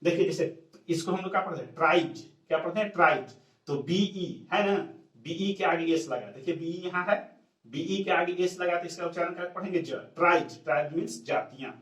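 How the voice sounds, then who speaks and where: A man with a somewhat high voice leads a classroom lesson on pronunciation. He repeats each rule, asks the students what it is, and then answers himself. His voice sounds distant and bounces around an echoey room. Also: brisk, a bit bright. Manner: repetitive question-and-answer drilling. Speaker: English pronunciation teacher.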